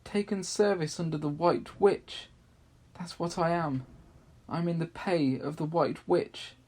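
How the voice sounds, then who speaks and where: A man voicing a gentle storybook fawn who is guilt-ridden and tearful, wailing and blaming himself. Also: fairly high pitch, fairly even intonation, a little slow, pitched above the performer's own voice. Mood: guilty, confessing. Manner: tearful, wailing, self-reproaching.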